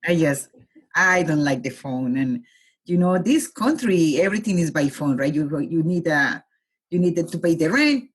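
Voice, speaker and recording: In a relaxed interview, a guest in her forties, born in Colombia, speaks thoughtfully at a moderate pace, her low, husky voice expressive and quick to break into laughter.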